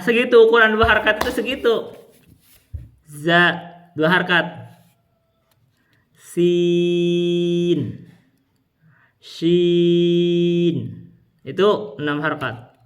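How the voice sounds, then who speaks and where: A man teaching Quran recitation rules, explaining patiently and demonstrating long drawn-out recited syllables. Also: fairly high pitch, bright, forceful tone. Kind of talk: tajwid lesson with recited examples.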